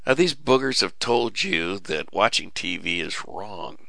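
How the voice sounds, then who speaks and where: Rambling at his listeners with lots of fillers and restarts, a middle-aged radio host sounds folksy and preachy. His very low, gravelly voice has a bright, hard edge and is wearing out after long talking, though he stays animated at a measured pace. The dry, close sound comes from a studio mic with a cough button, with no room sound.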